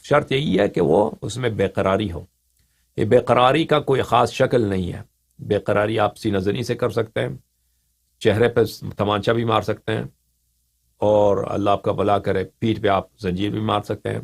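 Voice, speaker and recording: A religious scholar calmly explaining a ruling, matter-of-fact. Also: male voice, fairly low pitch, gravelly.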